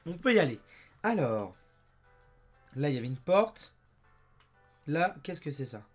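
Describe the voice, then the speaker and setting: A young French man with a hoarse voice, chatting excitedly as he plays a game and talks to his viewers. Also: on the high side, a little slow, faint music behind. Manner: chatty and excitable, often says "mes amis" and "abusé". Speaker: let's play host. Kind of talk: casual gameplay commentary.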